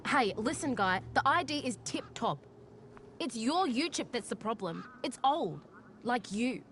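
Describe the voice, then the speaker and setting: A woman's voice: a little high, lively intonation, a little slow, a bit bright, a little hiss or hum. A woman playing a brash, cagey young tech tinkerer in a video game, with a sarcastic, cheeky, slangy delivery. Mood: dismissive.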